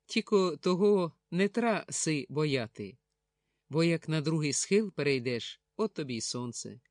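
A man's voice: on the high side, animated, unhurried, dry recording, clean studio sound. A man doing a terse mountain instructor. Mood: inviting. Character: terse, stern young mountain ski instructor.

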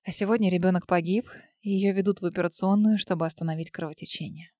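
A woman reading a novel aloud in an earnest, expressive audiobook narration. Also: fairly low pitch, fast talker, dry recording. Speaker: audiobook reader. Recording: dry close studio sound.

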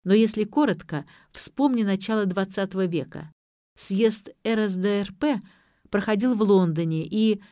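A woman's voice: medium pitch, normal speed, dark tone, no room sound, studio quality, pitched above the performer's own voice, lightly acted. A woman voicing a pompous young man who lectures and shows off his learning. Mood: lecturing. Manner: pedantic, showing off.

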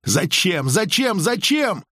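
A man voicing a hoarse, frantic young woman in a spaceship who cries out and pleads, in an audiobook. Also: high-pitched, very animated, slow pace, bright, forceful tone, no room sound, clean studio sound, voice pushed up, heavily acted. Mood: desperate. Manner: pleading, crying out.

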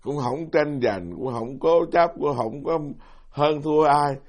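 A man's voice: a little high, slow pace, darkish tone. A middle-aged man, a Buddhist monk giving a folksy, self-deprecating dharma talk who keeps putting questions to his audience. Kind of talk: sermon.

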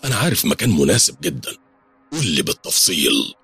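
A man's voice: sits low, wildly swooping pitch, fast, gravelly, sharp tone, slightly rough, soft background music, full character voice. A man with an Egyptian accent voicing a vengeful young man set on a carefully plotted revenge. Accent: Egyptian Arabic. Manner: intense, determined.

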